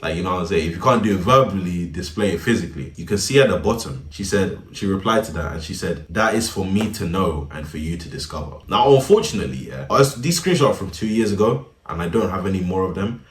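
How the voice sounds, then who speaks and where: A young man tells a story in a relaxed, slangy way, with frequent laughs. His voice sits very low. The sound is roomy and a little distant from the mic. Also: fast, hardly any pauses. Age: young adult. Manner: laid-back slangy, laughs often. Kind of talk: casual storytime narration.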